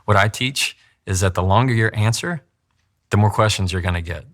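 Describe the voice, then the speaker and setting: A man with a somewhat low voice speaks as an attorney coaching people on how to communicate. He explains his points in an interview, slipping into examples and acting out how other people talk. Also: normal speed, fairly bright tone. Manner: acts out quoted voices, demonstrates pacing.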